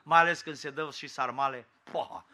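A man preaches with a Romanian accent and a very bright, forceful, sharp-edged voice pitched slightly high. His delivery is fiery and rhetorical, full of mocking questions aimed at his listeners. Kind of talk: sermon.

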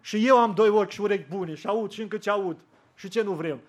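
A man preaching a sermon, slowing down and rising in emphasis when he quotes scripture. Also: high-pitched. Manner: fervent preaching, slows and rises on scripture quotes.

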